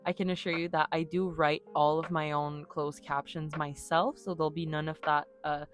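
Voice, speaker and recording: Her voice sits low and barely shifts in pitch, moving at a normal speed over soft background music. She's a young YouTuber, French by first language, giving a chatty, upbeat voice-over about her game build while teasing herself.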